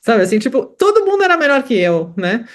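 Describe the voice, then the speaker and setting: A woman's voice: high-pitched, big pitch swings, brisk. Middle-aged woman, reflective personal sharing, many fillers and restarts, video call. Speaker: study group participant.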